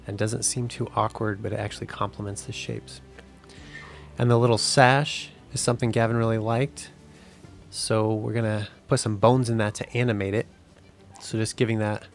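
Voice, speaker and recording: A man in his thirties, a 3D game artist, narrating a tutorial voice-over in a relaxed, explanatory way. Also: on the low side, creaky.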